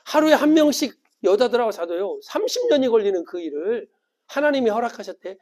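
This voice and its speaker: Animated pastor preaching with dramatic swings. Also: male voice, a little fast. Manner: animated, acts out quoted voices with big swings in pitch and loudness. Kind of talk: sermon.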